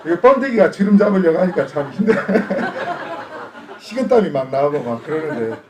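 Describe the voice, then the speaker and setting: In an echoey church hall, a distant mic catches a middle-aged Chungcheong pastor preaching with a local Korean accent, a high voice with wildly swooping pitch, and a moderate pace over a background crowd. He keeps the sermon jokey, laughing a lot and putting questions to the congregation.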